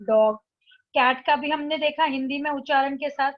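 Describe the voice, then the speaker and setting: A woman teacher explaining a textbook lesson, reading the English lines slowly and then explaining them in Hindi. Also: high voice, level tone, dull audio, slight background noise.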